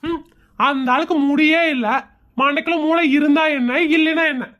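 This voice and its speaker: Man acting, exasperated sarcastic husband, Kongu Tamil accent, high voice, mocking complaints, comedy skit. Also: steady tone, moderate pace, muffled recording. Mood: indignant sarcasm. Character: exasperated, sarcastic husband who mocks everyone around him.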